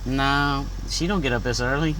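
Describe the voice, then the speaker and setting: A man's voice: medium pitch, steady tone, moderate pace. A man vlogging while he drives, rambling through stories in a chatty, easygoing way. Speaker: used car dealer and channel host. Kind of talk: casual vlog while driving. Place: inside a moving car. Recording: road and car noise behind.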